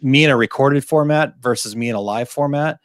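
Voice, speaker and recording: A man's voice: mid-range voice, brisk, no echo, studio quality. A man co-hosting a casual live Q&A, reading viewer questions aloud and joking around with frequent laughs. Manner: jokey, laughs often, reads questions aloud.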